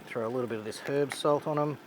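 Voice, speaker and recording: An Australian overlanding vlogger cooks at an outdoor bush campsite while narrating a casual vlog in a relaxed, rambling way full of laid-back slang. His voice is mid-range and quick, a little snuffly from a blocked nose, with background noise around him.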